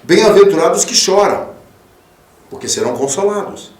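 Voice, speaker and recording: A male pastor preaches in a high voice, calling his listeners "son" in a fatherly way. He rises to loud, emphatic peaks and drops to soft, low tones. The sound is roomy and echoing, recorded from a little way off the microphone. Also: lively intonation, normal speed, distant mic. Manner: fatherly, calls listeners 'filho'. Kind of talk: radio sermon. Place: radio studio.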